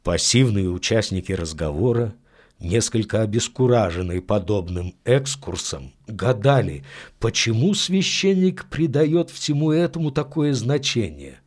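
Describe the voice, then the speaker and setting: Slow, expressive male audiobook narrator. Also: lowish voice. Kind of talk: scripted literary narration.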